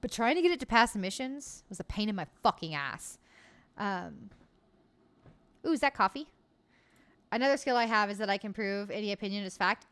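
Streaming indoors from her home room, a late-20s woman talks casually with viewers in the live chat, upbeat and free with her swearing. She sounds mid-range, animated, fairly quick, a bit bright, and clean-toned, pausing often; she uses an arm-mounted desk mic and a headset.

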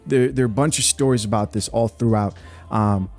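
A Zambian-born podcast host in his thirties delivers blunt, opinionated, emphatic commentary straight to his viewers, speaking into a close studio mic while wearing headphones in a small indoor home studio. His voice is fairly low, fairly quick, and darkish, with soft music in the background.

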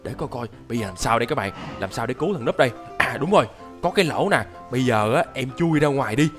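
A young man narrating his gameplay excitedly, repeating words and reacting nervously. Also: mid-range voice, fast talker, over music. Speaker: gaming YouTuber.

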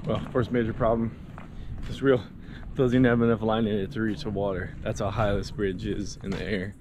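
A man's voice: fairly low pitch, flat delivery, normal speed. A young American man narrating a casual outdoor fishing vlog in a laid-back, slangy, sometimes profane way. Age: young adult. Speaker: fishing vlogger. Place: outdoors at a river and bridge. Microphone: handheld action camera at arm's length. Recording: clearly noisy outdoor action-camera audio.

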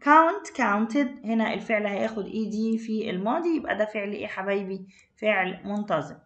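A woman's voice: medium pitch, expressive, fairly quick, a bit bright, muffled recording. A woman with an Egyptian Arabic accent teaching an online English lesson, explaining words in Arabic and asking her students questions. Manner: calls her students "my dears".

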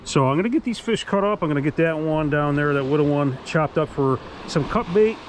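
A man's voice: on the high side, expressive, fairly quick. A middle-aged man narrating a casual fishing vlog on the beach, upbeat and enthusiastic as he talks to the camera. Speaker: fishing vlogger. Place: sandy beach outdoors by the surf. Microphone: action camera, head-mounted. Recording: action camera outdoors with clear surf noise.

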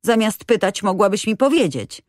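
A woman's voice: medium pitch, sing-song, normal speed, darkish tone, dry recording, studio quality, pitched above the performer's own voice. A woman reading an audiobook, voicing a proud, defiant street boy.

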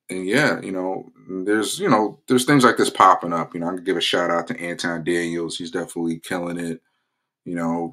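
In a casual vlog promo for his political commentary channel, a man with a low voice talks loosely. He rambles in a relaxed way, with many fillers and restarts.

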